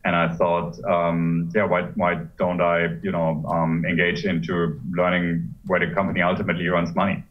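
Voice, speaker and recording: A man in his forties from Germany, speaking in a measured, thoughtful way with many pauses as a guest on a video-call interview. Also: low voice, flat delivery. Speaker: pharma executive guest. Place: home room with high ceiling. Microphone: laptop webcam mic on a video call. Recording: muffled, distant video-call audio.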